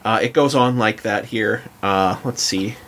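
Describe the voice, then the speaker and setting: A man's voice: on the low side, unhurried, fairly bright tone, slight background noise. A man hosting a casual podcast chat, laid-back and self-mocking, who trips over words as he reads. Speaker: podcast host. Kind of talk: casual chat, reading aloud.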